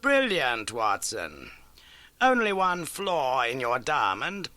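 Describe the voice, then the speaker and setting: For an audiobook, a man plays a keen, masterful detective, pitched up and swooping with huge pitch swings and theatrical relish. He's bright, brisk and emphatic, incisive and wry on every point, heavily acted in a dry recording.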